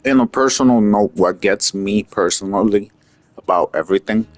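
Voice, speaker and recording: Earnest and opinionated, this Puerto Rican vlogger speaks in a fairly low voice at a moderate pace, drifting into loose asides as he rambles casually through his monologue. The recording is dry.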